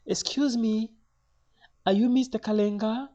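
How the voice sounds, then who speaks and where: A man's voice: high voice, steady tone, measured pace, mellow, muffled recording, voice pushed up. A man voicing a formal, suspicious female airline gate agent with a Spanish accent. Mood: officious.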